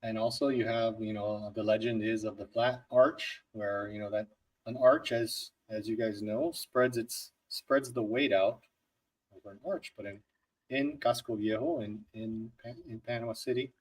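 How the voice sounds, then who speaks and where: A man's voice: fairly low pitch, steady tone, moderate pace. A man co-hosting a casual livestream podcast, telling history in a rambling, joking way. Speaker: podcast co-host.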